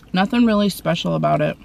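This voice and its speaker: A woman vlogger from the Portland area chatting casually while eating, with soft mumbled asides over her food. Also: fairly low pitch, vocal fry. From Portland, Oregon area. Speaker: mukbang vlogger. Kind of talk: casual eating-show chat.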